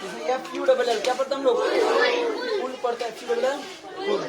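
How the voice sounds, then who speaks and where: In this classroom lesson on English pronunciation, a woman speaks fairly quickly in a high-pitched, level tone. She spells out words one letter at a time and repeatedly checks that her students are following. A loud crowd behind her makes it very noisy.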